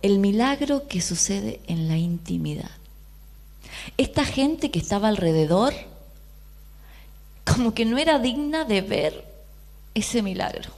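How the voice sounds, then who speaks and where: A woman's voice: medium pitch, measured pace, long pauses. A woman with a Rioplatense Argentine accent preaching a sermon, often asking the audience questions and briefly voicing the people in the story. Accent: Rioplatense Spanish. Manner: lively, questioning the audience, acting out quoted voices.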